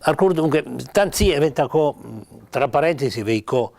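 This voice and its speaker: A man with a Piedmontese accent explaining pronunciation in an informal lesson. His pitch rises and falls a lot, and he says sample words patiently and slowly, one at a time. He fills his pauses with hesitant "ehm" sounds. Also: animated, darkish tone. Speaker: writer explaining spelling.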